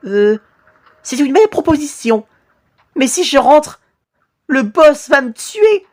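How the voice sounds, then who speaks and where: Woman doing a shrill terrified toilet creature. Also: level tone, drawn-out words. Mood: panicked. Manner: shrill, panicky, pleading.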